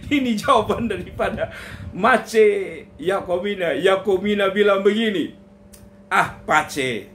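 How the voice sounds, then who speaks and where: A male pastor preaching a humorous sermon, telling a story and often addressing listeners directly with drawn-out "uh" pauses. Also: high voice, a little hiss or hum.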